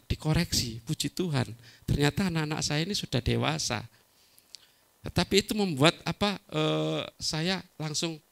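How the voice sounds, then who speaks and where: A man's voice: medium pitch, creaky. A middle-aged man preaching a sermon as pastor, telling folksy stories and laughing at himself. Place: church.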